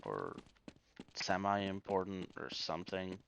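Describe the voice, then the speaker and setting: A man's voice: low-pitched, sing-song, slow, creaky, a bit bright, a little hiss or hum. A man giving casual gameplay commentary, thinking aloud in a hesitant way. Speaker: gamer.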